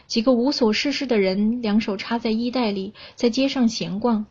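A young woman from China reading a story aloud in a calm, even storyteller's manner. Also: a little high, normal speed, breathy edge, muffled recording. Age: young adult.

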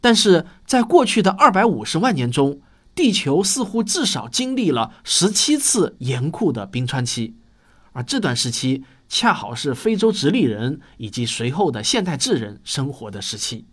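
Lively, higher-pitched male documentary narrator. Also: normal speed, husky. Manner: explanatory, storytelling delivery. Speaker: host of a popular science audio series. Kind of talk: nature documentary style scripted narration.

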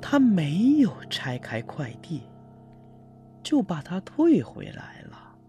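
A man voicing a sinister recluse from a dim hut in a horror audio story, speaking slowly and insistently. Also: high voice, huge pitch swings, mellow, faint music behind, heavily acted. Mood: eerie. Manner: slow, eerie, insistent.

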